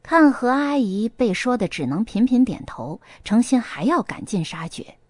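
A woman narrating a novel aloud in an expressive storytelling manner. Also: fairly high pitch, moderate pace, no room sound. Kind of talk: audiobook narration with acted dialogue.

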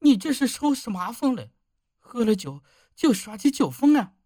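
Guy putting on a young village wife, husky, voice swinging way up and down, dry close sound. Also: very high voice, sing-song, moderate pace, warm tone, no room sound, pitched above the performer's own voice, heavily acted. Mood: scolding. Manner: pleading, rising to cries. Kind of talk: audiobook character voice.

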